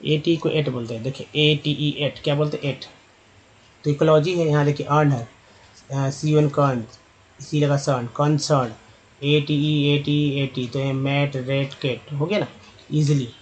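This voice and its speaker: In a slightly high, steady voice at a measured pace, a man explains an online lesson, spelling out letters and sounding out English words for viewers he talks to like friends. The recording has cut-off highs and a little hiss or hum.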